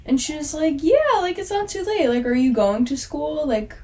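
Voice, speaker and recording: A woman's voice: lively intonation, moderate pace, a little mellow. A woman in her twenties, a podcast co-host, telling stories in casual chat and acting out the people she quotes. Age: 20s. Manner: laughing storyteller, drops her voice low, acts out quotes.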